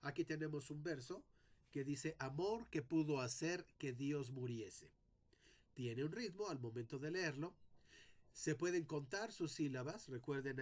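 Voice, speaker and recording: A man teaching a lesson on poetic meter, speaking deliberately and sounding out syllables one by one as he explains. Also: on the high side. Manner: addresses students directly.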